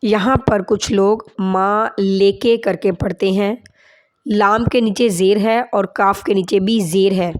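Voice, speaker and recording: A woman teaching a tajweed lesson, patiently correcting mistakes step by step and reciting in a slow, drawn-out chant. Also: medium pitch, steady tone. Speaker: Quran teacher.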